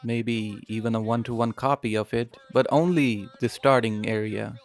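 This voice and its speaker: A man's voice: mid-range voice, fairly even intonation, normal speed. A man narrating a scripted video essay as a game reviewer. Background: music.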